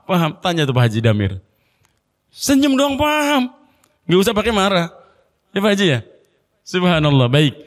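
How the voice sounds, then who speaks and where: A man giving a dawn sermon at a mosque, talking conversationally to the congregation with rhetorical questions, his voice dropping soft when moved. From Indonesia. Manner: lively pitch swings, voice drops low and soft when moved. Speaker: preacher. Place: mosque hall. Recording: long mosque hall reverb.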